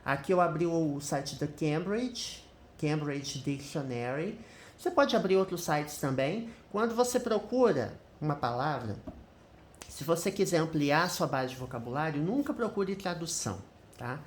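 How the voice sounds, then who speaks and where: A Brazilian woman with a low voice walks through an English lesson while she browses, thinking aloud and tossing in constant little check-ins with the viewer. The room is echoey, with a faint hiss under her voice. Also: lively intonation, unhurried, darkish tone. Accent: Brazilian Portuguese. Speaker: English teacher. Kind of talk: screen-share English lesson.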